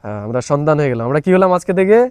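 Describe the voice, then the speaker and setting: A man's voice: fairly high pitch, animated, very fast, smooth, no room sound. A man teaching a spiritual class, coaxing listeners again and again to speak up and answer. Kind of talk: leading a spiritual class with questions.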